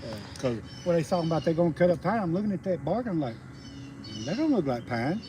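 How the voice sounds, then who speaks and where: Very animated and fairly high-pitched, the Southern-accented logger in his fifties rambles haltingly and folksily on his homesteading livestream. The setting is a rural roadside, with birds and rural ambience audible throughout.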